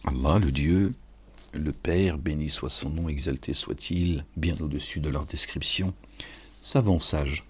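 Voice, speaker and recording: With a very deep, husky voice and an unhurried delivery, this man preaches an informal, sermon-style reflection on scripture. He addresses listeners familiarly, often pausing to ask check-in questions, and works as an online religious and political commentator.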